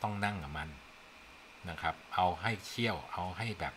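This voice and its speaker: Guy with a lowish bright voice walking you through code on screen, chatty, thinks out loud, bit of hiss behind. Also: moderate pace. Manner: chatty, coaxing, thinks aloud while typing. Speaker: programming instructor. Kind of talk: casual screen-recorded coding tutorial.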